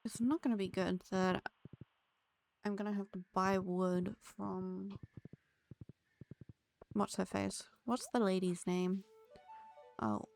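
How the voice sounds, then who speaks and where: A woman's voice: mid-range voice, steady tone, slow, gravelly, long pauses, darkish tone. A woman streaming a farming game, chatting casually to her viewers and her pets with jokey asides. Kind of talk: casual gameplay commentary.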